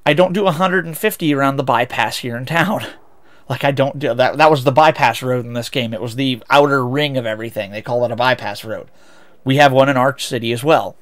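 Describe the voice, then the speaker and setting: A young American man with a Midwestern accent speaks fairly quickly in a mid-range, fairly bright voice. A VTuber streamer, he chats with viewers while playing a racing game, rambling and correcting himself along the way.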